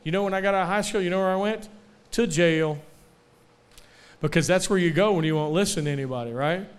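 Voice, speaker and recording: Preaching at a camp meeting, a young man uses call-and-response, repeatedly calling for amens and putting questions to the crowd. His voice is a touch high, smooth, and resonant, and he slows down to drive home the most important lines.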